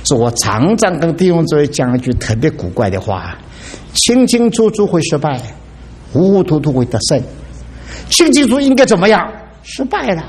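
With a high voice, a middle-aged man delivers a sermon as a pastor, animated throughout and given to dramatic exclamations.

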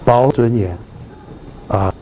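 A man's voice: medium pitch, slow, mellow, slight background noise, poor audio. A man giving a sermon on a Bible passage, repeating and restarting his words, reading scripture aloud with lifted emphasis and often asking if his listeners follow. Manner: repetitive, restarts words, checks in with the audience. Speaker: preacher.

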